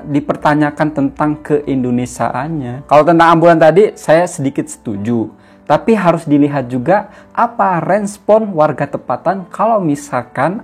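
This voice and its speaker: A man from Indonesia giving earnest, persuasive reaction commentary, with rhetorical questions. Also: fairly high pitch. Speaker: YouTuber responding to a clip.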